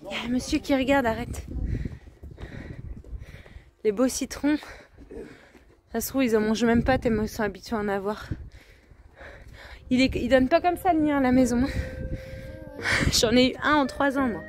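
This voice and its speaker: With a fairly high voice, a moderate pace, and frequent pauses, a vlogger in her thirties narrates a camper van trip in a casual, cheerful way. She shoots on a handheld action camera outside and inside the van, with music underneath and a little hiss or hum.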